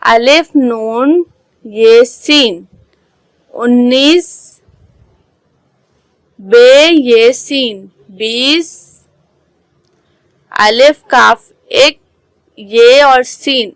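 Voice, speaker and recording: A woman school teacher giving an online class, spelling out words slowly letter by letter. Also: fairly high pitch, dry recording, rough recording. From Pakistan. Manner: slow, careful letter-by-letter dictation.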